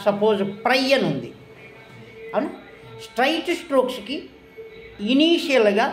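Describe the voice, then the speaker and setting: Woman teaching shorthand, high voice, keeps asking and answering her own questions, echoey room, faint music. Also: fairly bright tone. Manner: quizzing, asks questions and answers them herself. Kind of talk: classroom lesson.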